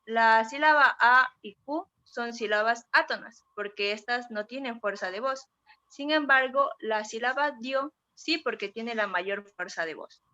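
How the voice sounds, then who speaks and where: A woman's voice: on the high side, unhurried, pushed and bright. Young woman explaining a class topic. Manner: explains definitions step by step. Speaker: student presenter. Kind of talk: class presentation. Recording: dull lo-fi sound.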